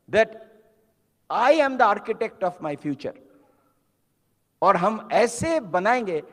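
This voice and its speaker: A bright-toned male voice that sits high fills a large hall with long reverb. He's a motivational speaker at a business seminar, preaching emphatically, alternating Hindi and English, and dramatizing the quotes he cites.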